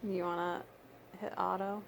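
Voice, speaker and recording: Creaky-voiced middle-aged woman, reassuring. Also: on the low side, flat delivery, a little slow, slight background noise. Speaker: caregiver. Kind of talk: casual chat.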